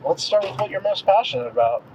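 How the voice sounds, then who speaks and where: A man's voice: sits high, lively intonation, fast talker, darkish tone. A man hosting a weekly podcast, upbeat and friendly, asking short questions. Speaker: podcast host. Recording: slightly dull lo-fi sound with faint noise.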